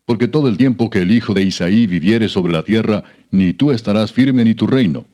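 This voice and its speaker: A man's voice: lowish voice, a little fast, dark tone, natural voice. A man reading a wrathful old king. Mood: furious. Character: angry older male king, harsh and accusing.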